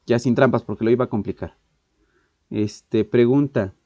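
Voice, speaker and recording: A man with a Mexican accent teaching a physics exam-prep lesson, thinking aloud with halting restarts, frequent "ok?" and clearing his throat. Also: medium pitch, dry recording. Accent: Mexican Spanish. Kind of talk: exam-prep lesson working through problems. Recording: muffled, dull sound in a dry room.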